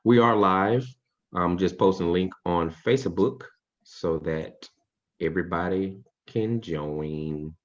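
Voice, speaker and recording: A man's voice: sits low, slow pace. A man co-hosting a casual live stream, teasing and wry in his remarks. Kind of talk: casual chat. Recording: slightly dull, lo-fi sound.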